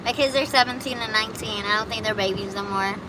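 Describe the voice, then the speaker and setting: A woman from Buffalo, New York, with a mid-range voice and a quick pace, hosts a livestream amid traffic. Chatty and rambling, she reacts to chat comments while casually answering her viewers.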